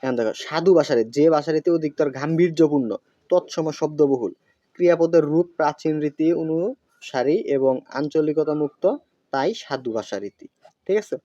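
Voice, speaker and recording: A man's voice: on the high side, normal speed, dark tone, no echo, dull audio. A man teaching a school grammar lesson. He asks questions and answers them himself, with many fillers.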